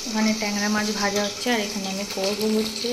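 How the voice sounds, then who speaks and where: A woman's voice: mid-range voice, monotone, fast. A young woman, chatting casually through a family vlog as she walks through what she is cooking. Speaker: family vlogger. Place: home kitchen. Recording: loud frying noise behind. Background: sizzling pans and stirring.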